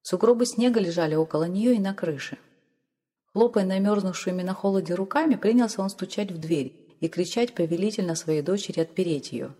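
A woman narrating a classic story in a measured, even storytelling manner. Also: on the low side. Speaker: audiobook reader. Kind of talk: scripted literary narration. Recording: long hall reverb.

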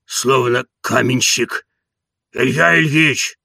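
A man's voice: mid-range voice, slow, vocal fry, bright, forceful tone, no echo, clean studio sound, full character voice. A man voicing an old, stubborn manservant who scolds and coaxes in a folksy way. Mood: grumbling.

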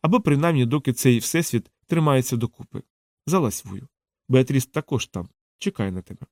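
A man's voice: mid-range voice, animated, normal speed, a little mellow, no echo, clean studio sound, lightly acted. A man voicing a burly, brash young male soldier who swears casually. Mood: brash, warm.

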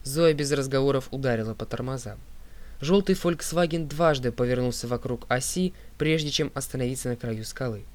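A man reading an audiobook as narrator, in a steady, clear voice that drops low on speaker tags. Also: a little fast. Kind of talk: scripted narration.

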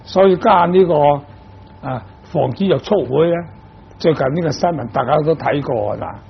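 Older buddhist monk from guangdong, sermon, gravelly voice pitched a bit high, patient rhetorical questions. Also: male voice, moderate pace, muffled recording, slight background noise. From Guangdong, China. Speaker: Buddhist monk teaching dharma.

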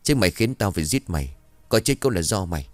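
A man's voice: low voice, big pitch swings, fast, no echo, faint music behind. A scheming, spiteful young woman, played by a male narrator, sneering and cold, recorded dry and close. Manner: sneering, scornful.

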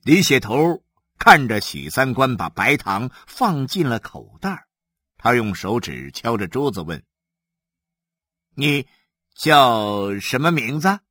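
Animated man reading a novel aloud. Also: medium pitch, measured pace, slightly rough, no room sound, clean studio sound. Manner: animated, acts out the scenes. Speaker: storyteller.

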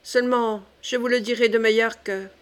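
A woman's voice: a little high, fairly even intonation, moderate pace, lightly acted. A woman reading the part of a boisterous, half-clownish male nobleman in an audiobook. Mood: exuberant.

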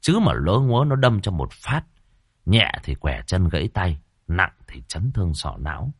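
A man's voice: low-pitched, sing-song, moderate pace, breathy edge, dry recording, clean studio sound. A man narrating a comic ghost story in a dramatic, colloquial way.

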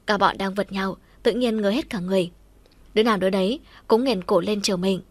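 A woman's voice: a little fast, dry recording. Woman narrating a story, dry close sound. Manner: lively storytelling, louder and higher for shouted quotes. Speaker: audiobook narrator. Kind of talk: first-person story narration with voiced dialogue.

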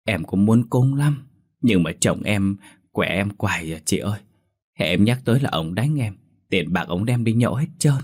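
A man's voice: fairly low pitch, expressive, normal speed, a little mellow, breathy edge. A man voicing a frightened, tearful poor village mother, pleading meekly. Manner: pleading, whimpering.

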